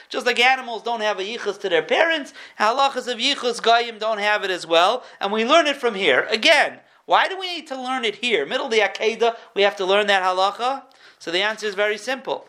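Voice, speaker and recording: An animated man giving a Torah class, with a higher-pitched, bright and forceful voice. He teaches with lively energy and acts out each quote he tells.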